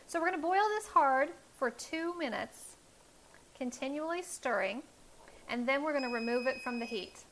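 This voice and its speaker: In this cooking demonstration, a high-pitched, animated woman talks at a normal speed with a fairly bright tone. She's in her thirties, hosting a home cooking show from her kitchen via lapel mic and cheerfully instructing viewers step by step.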